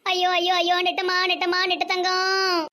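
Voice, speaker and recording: A woman voicing an old village grandmother in a cartoon, speaking with an in a high, thin, wavering voice. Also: flat delivery, normal speed, a bit bright. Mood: wailing. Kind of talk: cartoon voice acting.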